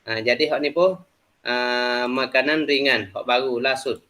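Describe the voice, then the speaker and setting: A man teaches a class in a loose, repetitive manner. He explains the lesson with many "ha" and "nah" fillers, at a middle pitch. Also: unhurried, bright, forceful tone, soft background music.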